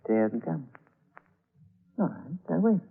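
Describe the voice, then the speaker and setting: In a vintage radio thriller, an actor plays a sly, smug, aging male blackmailer, delivering terse, insinuating lines with a sly, menacing mood. His voice is on the high side, creaky and slightly rough, with big pitch swings, a measured pace, and a heavily acted style. The old recording sounds tinny, with music in the background.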